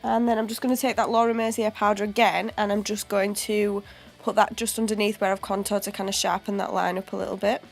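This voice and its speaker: A young beauty vlogger with a cold, chesty, gravelly voice talks fast over soft background music, casually walking through a makeup tutorial step by step. Her mid-range voice keeps a level tone, and she records on a home voiceover mic in a chatty way.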